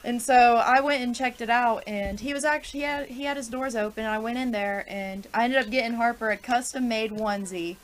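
A woman chatting easily on a radio show, telling a friendly story in a relaxed way. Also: on the high side, a little fast, few pauses, a little hiss or hum, rough recording. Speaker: radio co-host. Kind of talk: casual radio chat. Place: radio studio. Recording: music playing under the talk.

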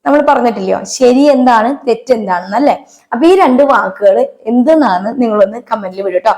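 High-voiced woman teaching Hindi. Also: fast, darkish tone. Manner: patient, checks understanding often. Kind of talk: online language lesson.

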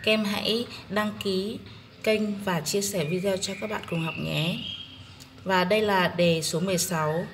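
Female teacher, Vietnamese accent, unhurried and methodical, mid pitch. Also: steady tone, slight background noise. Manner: slow, methodical explaining. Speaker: English teacher. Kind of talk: exam-prep lesson walkthrough.

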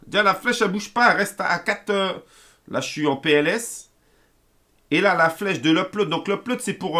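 A young man vents straight to camera in a casual, angry rant, his voice sitting a touch high for a man. He swears freely and acts out both sides of his phone calls. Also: bright, forceful tone. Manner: fast, heated, swearing, retells phone calls. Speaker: gaming YouTuber ranting to viewers.

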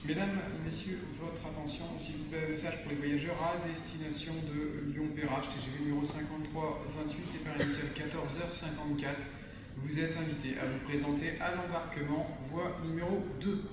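A man addresses passengers formally over a station intercom. His fairly high voice reverberates heavily through a big hall, with clear ambient noise around it. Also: level tone, normal speed, recorded from a distance. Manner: formal, courteous wording. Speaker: railway station announcer. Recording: echoey station PA from afar, noisy ambience.

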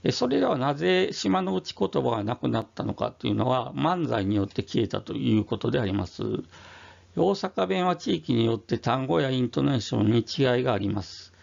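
Gravelly Osaka man explaining slowly. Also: medium pitch, sing-song, a little mellow, muffled recording. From Osaka, Japan. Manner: measured, formal, many "um" fillers. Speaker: YouTube history presenter. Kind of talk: explanatory monologue.

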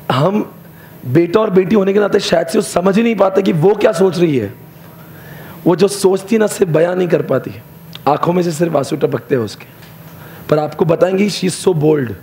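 A man's voice: high-pitched, moderate pace, gravelly, long pauses, darkish tone, slight background noise. Young man giving a heartfelt motivational talk. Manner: storytelling, mixes Hindi with English phrases. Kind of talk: emotional motivational speech.

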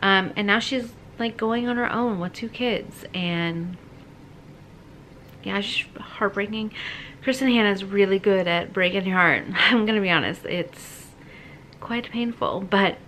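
A woman with a medium-pitched voice talks informally to a camera in a small bedroom. She retells a story conversationally, pausing and restarting, with emphatic asides. A light layer of room noise sits behind her. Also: a bit bright. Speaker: book vlogger.

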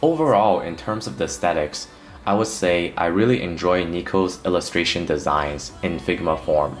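A man's voice: low-pitched, moderate pace, soft background music. A man narrating a toy unboxing review as host of his channel, earnest with light jokes.

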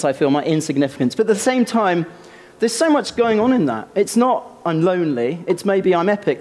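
A British man, a composer, giving a live conference talk in an animated, excitable, self-deprecating way. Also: fairly high pitch. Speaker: composer and speaker. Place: stage before a live audience.

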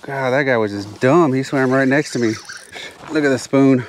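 A man's voice: mid-range voice, normal speed, a little hiss or hum. Guy narrating from a kayak. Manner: excited, repeats phrases, drops to hushed whispers when sight casting. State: out of breath from heat. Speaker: fishing channel host. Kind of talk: casual outdoor narration to camera. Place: kayak on open water outdoors.

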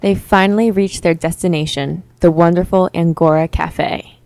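A young woman narrating a mock-epic tale in a wry, deadpan storytelling manner. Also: fairly low pitch, moderate pace, creaky, faint music behind, rough recording. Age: young adult.

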